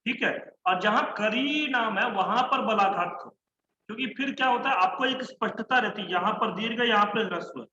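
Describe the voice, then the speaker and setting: Bright high-voiced male teacher, echoey. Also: a little fast, muffled recording, slight background noise. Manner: drills declensions in rhythmic lists, corrects students. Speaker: Sanskrit teacher. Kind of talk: online class, reciting word forms. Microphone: online class call mic.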